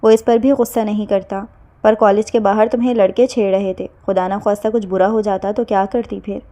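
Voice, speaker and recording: A woman's voice: mid-range voice, fairly even intonation, dark tone, lightly acted. A woman voicing a caring middle-aged aunt who speaks soothingly and patiently.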